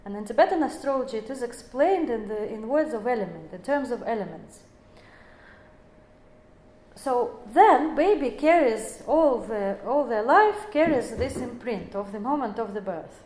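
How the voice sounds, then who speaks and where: A woman's voice: a little high, lively intonation, normal speed, darkish tone, slight background noise. A woman in her forties giving an explanatory lecture, speaking English as a with many fillers and self-corrections. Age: 40s. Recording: echoey room.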